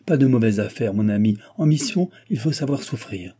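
A man's voice: medium pitch, expressive, brisk, mellow, breathy edge. Man putting on a frantic pleading young noblewoman. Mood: coaxing.

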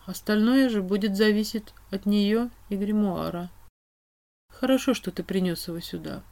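A woman voicing a brisk, teasing witch whose voice turns strict and cold. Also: medium pitch, vocal fry, dark tone, lightly acted.

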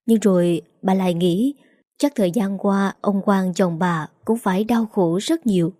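A woman narrates a novel in a steady, even reading. Her voice is mellow and warm. The sound is dry and close. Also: medium pitch, measured pace, no echo. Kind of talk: scripted story narration.

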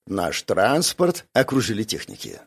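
A man's voice: lowish voice, huge pitch swings, measured pace, creaky, breathy edge. A man reading a first-person audiobook in a dry, matter-of-fact way. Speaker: audiobook narrator. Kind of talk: first-person scripted narration.

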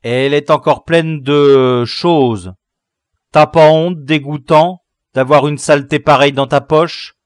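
A man voicing a village boy who loudly scorns a dirty rag. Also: fairly high pitch, fairly even intonation, takes it slowly, no room sound, studio quality, voice pushed up. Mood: disgusted. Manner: loud, scornful.

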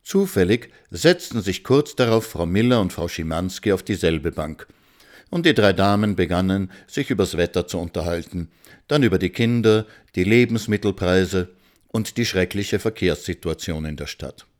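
A man narrates a storybook in a calm, measured way. His voice sits on the low side, and he tells the story plainly and steadily.

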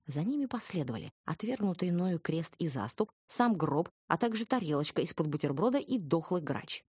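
A woman reads a fantasy audiobook in the first person, with dry irony. Her voice sits low and sounds husky. It is recorded close and dry, with no room echo. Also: very animated, normal speed, darkish tone. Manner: wry, ironic storytelling. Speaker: audiobook narrator.

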